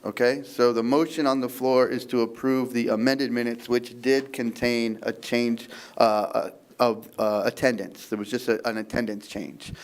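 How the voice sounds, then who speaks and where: A man's voice: medium pitch, flat delivery, normal speed, few pauses. A man chairing a public committee meeting in an easygoing, lightly joking way.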